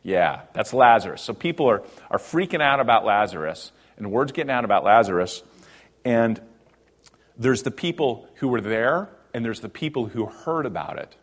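Male pastor, mid-pitched, preaching in a relaxed teaching tone that swings between emphatic highs and hushed lows. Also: moderate pace. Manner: conversational teaching, rising to emphatic bursts and dropping to quiet. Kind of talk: sermon.

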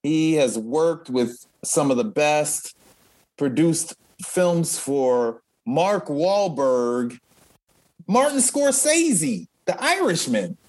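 A man co-hosting a relaxed chat show with an upbeat, playful manner and easy laughter. His voice sits a little high for a man, and he speaks slowly and without hurry. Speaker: co-host. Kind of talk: casual podcast chat.

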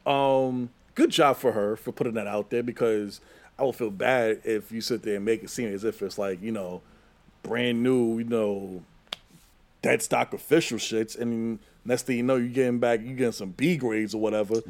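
A man's voice: mid-range voice, steady tone, normal speed, a little mellow. A man co-hosting a casual podcast, easygoing, laughing often and repeating himself. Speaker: podcast co-host. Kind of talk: casual chat.

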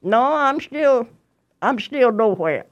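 Slow-talking, rambling hundred-year-old woman. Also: a little high, expressive, dull audio. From Tennessee, USA. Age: 100. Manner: rambling, repeats phrases, laughs often. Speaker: choir member, interview guest. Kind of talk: casual interview chat.

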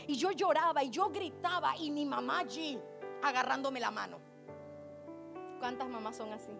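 A woman preaching with great fervor, her very high voice dropping to a hush and then rising to a shout. Music plays clearly behind her in the church service. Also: moderate pace. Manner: impassioned, swings from hushed to shouting. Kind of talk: sermon.

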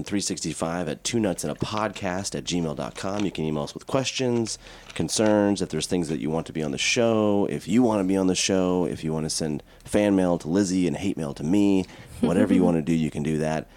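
A man's voice: low voice, fairly quick, few pauses, a little mellow. A man co-hosting a radio podcast in a casual, tongue-in-cheek, joking way. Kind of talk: casual, joking show announcements.

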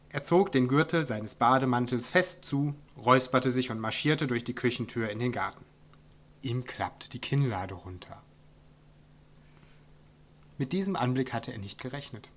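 A man's voice: mid-range voice, a bit bright. A man reading his own comic story aloud in a dry, wry storytelling manner. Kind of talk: audiobook narration.

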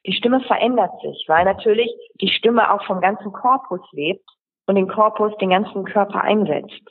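Woman rhetoric coach, husky, explanatory, phone-thin sound, podcast interview. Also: medium pitch, moderate pace. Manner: explanatory, lists examples in runs. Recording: tinny phone-like line.

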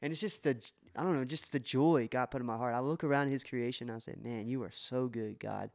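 A brisk, creaky medium-pitched voice belongs to a man co-hosting a casual faith podcast. He gives an earnest, emotional testimony, frequently backing up to restart.

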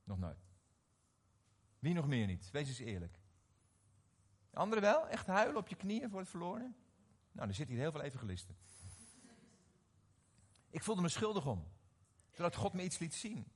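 A middle-aged man preaching a sermon, animated and often questioning his audience, repeating words as he restarts. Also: a little high, normal speed, pauses often, slightly rough. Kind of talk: sermon to a live congregation.

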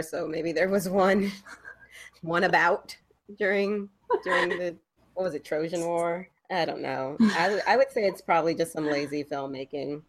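Low creaky-voiced woman chatting. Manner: chatty, rambling with many fillers and restarts. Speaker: podcast co-host. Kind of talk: casual chat.

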